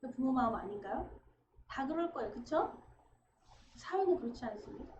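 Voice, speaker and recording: A woman preacher giving a conversational sermon, acting out everyday dialogue with sudden lively bursts. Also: sits high, brisk. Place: church sanctuary. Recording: echoey room, dull lo-fi sound, faint noise.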